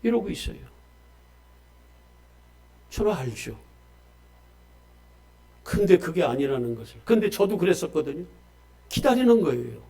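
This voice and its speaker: A male pastor preaching a Sunday sermon, swinging between loud emphasis and quiet asides and calling on the congregation for amens. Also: a little high, sing-song, measured pace, pauses often. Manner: asks the congregation questions and calls for amens.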